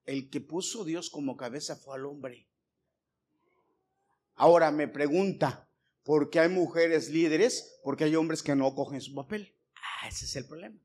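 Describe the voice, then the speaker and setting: Emphatic high-voiced pastor preaching. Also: male voice, a little slow, a little mellow, slightly rough. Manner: emphatic, repeats points and questions the congregation. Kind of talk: sermon. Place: church before a congregation.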